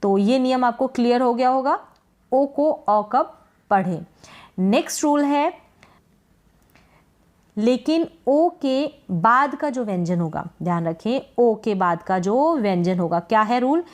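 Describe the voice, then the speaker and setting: A woman with a fairly high, animated, slightly mellow voice teaches English pronunciation at a slow pace. She poses short questions, answers them herself, and repeats each word.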